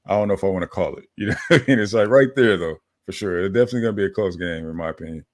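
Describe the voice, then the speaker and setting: A man's voice: low-pitched, racing, no room sound. A man hosting a casual sports podcast, talking in a laid-back, hedging way. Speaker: podcast host.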